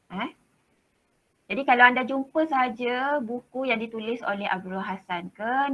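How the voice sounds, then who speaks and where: A woman's voice: mid-range voice, slight background noise. Chatty Malaysian woman teacher, dull recording. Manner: chatty and direct, mixing in English words. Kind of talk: classroom briefing on presentation marking.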